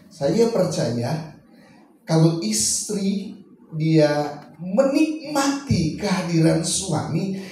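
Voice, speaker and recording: A male pastor, preaching a sermon in a church, his phrases swinging up into sung, shouted lines. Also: a little high, slight background noise. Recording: echoey church hall, from far off, faint music.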